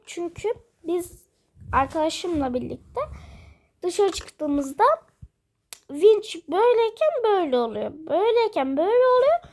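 High-voiced sick young gamer, quiet and slow. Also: female voice. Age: school-age. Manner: rambling, many fillers, self-amused. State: sick with a cough, talking quietly. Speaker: gaming vlogger. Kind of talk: casual let's-play chat. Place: bedroom at home.

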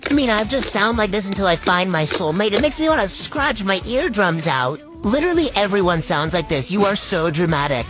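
A teenage girl stuck with a wobbly old grandma voice, as a woman puts it on, her pitch swooping up and down. She sounds whiny and put-upon in a short comedy skit, with music playing underneath. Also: lively intonation, fairly quick, few pauses, lightly acted. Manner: quavering put-on old-lady voice. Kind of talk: acted POV skit.

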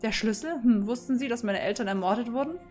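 A frightened young girl, confused and pleading, who asks one anxious question after another, as a woman reads her lines. The voice is somewhat high, and game music plays softly in the background. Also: lively intonation, fast, close to an everyday voice.

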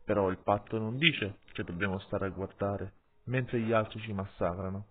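A stern, weary wolf leader speaks in a low, husky, commanding tone, as a man reads him. Each word is grave and deliberate. The audio is thin and phone-like. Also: close to an everyday voice. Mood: resolute.

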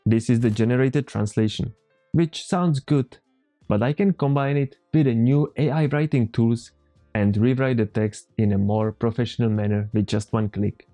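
A Czech-accented man in his thirties hosts a screen-recorded software tutorial from a room at home, explaining calmly and methodically step by step. His voice is medium-pitched at a moderate pace, with faint music in the background.

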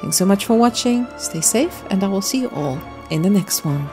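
A woman's voice: medium pitch, lively intonation, normal speed, dark tone, faint music behind. A woman hosting a crafting vlog, explaining her miniature build step by step in a friendly, chatty voice-over. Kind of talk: casual voice-over narration.

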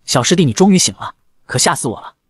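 A whiny, fawning young disciple who schemes to survive, as a man narrating a manga recap puts him on. He talks fast in a light, fairly high voice, recorded close and dry. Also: animated, slightly rough, no echo. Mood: wailing.

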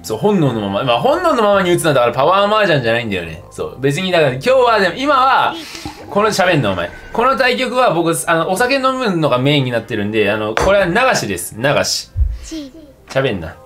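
A young man with a fairly high, wildly animated voice chats casually on a game livestream. He sounds tipsy, rambling along in loose slang between bits of play commentary. Faint music plays behind him. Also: quick pace.

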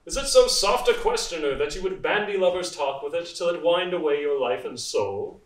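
A man's voice: on the high side, animated, moderate pace, lightly acted. A man acting as a stern, scornful judge who barks orders and swings his voice up and down. He sits far from the mic in an echoing hall. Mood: commanding. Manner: commanding and scornful. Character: stern male judge, harsh and commanding. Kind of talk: stage acting in a live play.

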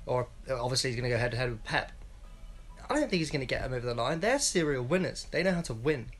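An animated, fast-talking man with a mid-range voice gives his blunt football opinions, rambling a bit, with soft music in the background. He's in his twenties, vlogging solo from a small room at home on a wired earphone mic.

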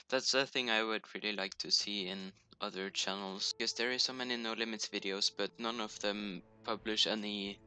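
A Norwegian man speaks English as a second language in a lowish, bright, forceful voice. He's a YouTuber casually narrating a screen recording of his video game build, throwing in joking, self-deprecating asides. The audio is poor, captured on a home computer mic.

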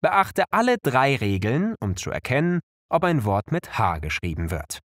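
A man giving scripted narration for a children's spelling lesson, explaining slowly and clearly. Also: no room sound, clean studio sound. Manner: slow, clear explanations with lively pitch. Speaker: narrator of an educational video.

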